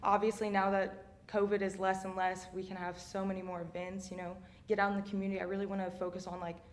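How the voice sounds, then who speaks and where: A young woman talks quickly and cheerfully as a student athlete guest. She fills her answers with casual filler words, and her pitch sits in a middle range. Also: flat delivery. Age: young adult. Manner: upbeat, chatty, many fillers like "you know". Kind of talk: interview answers.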